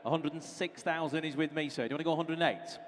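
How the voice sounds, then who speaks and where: A man's voice: on the high side, fairly even intonation, racing, a little hiss or hum. A British man working as an auctioneer, calling bids in a running patter of repeated figures and prompts to bidders. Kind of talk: live auction calling, running bid chant. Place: large reverberant auction hall. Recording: reverberant hall sound.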